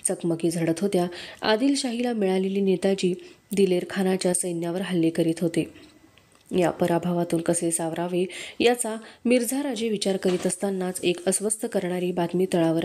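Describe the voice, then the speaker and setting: Woman reading a historical novel aloud. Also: fairly low pitch. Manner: steady storytelling narration, acting out dialogue. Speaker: audiobook reader.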